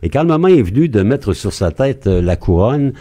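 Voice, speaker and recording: A man with a Quebec French accent, a historian guest telling history in a lively, expressive way on a radio interview. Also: brisk. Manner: lively, expressive storyteller with wide pitch swings.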